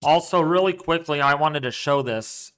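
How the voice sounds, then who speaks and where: Bright-voiced man on a storm livestream. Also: a little high, normal speed, clean tone. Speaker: livestream weather co-host. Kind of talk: casual live storm commentary.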